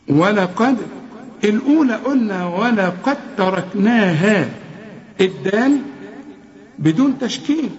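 Egyptian man, high voice, recitation teacher who quizzes the listener and drills words slowly; dull lo-fi sound. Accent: Egyptian Arabic. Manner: asks and answers his own questions, repeats words slowly. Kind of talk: tajweed lesson with chanted recitation. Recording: dull lo-fi recording.

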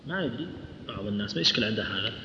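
A man teaching a tajweed class in a lecture hall. He explains quickly, asks his students questions and recites verse slowly. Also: on the low side, expressive, sharp tone. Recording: echoey hall, dull lo-fi sound, faint hum.

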